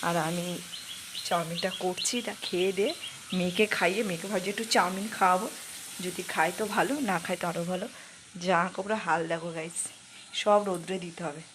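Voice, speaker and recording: A woman chatting casually to her vlog viewers from her home kitchen, talking quietly at first so her sleeping daughter will not wake. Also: on the low side, steady tone, fast. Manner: speaks softly so her sleeping daughter stays asleep. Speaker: vlogger. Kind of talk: casual daily vlog chat. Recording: home recording with noisy kitchen sizzle.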